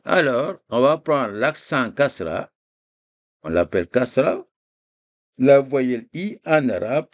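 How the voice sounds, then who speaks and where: A man teaching Arabic reading in French, slowly spelling out syllables for students to repeat. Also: mid-range voice, very animated. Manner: addresses listeners as "les gars". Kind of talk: screen-shared lesson.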